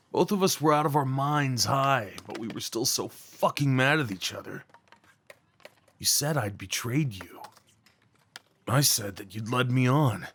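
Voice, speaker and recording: In an intimate roleplay audio drama, a man plays a remorseful young ex-delinquent tenderly confessing a love from long ago. His husky mid-range voice is halting, confiding and emotionally earnest.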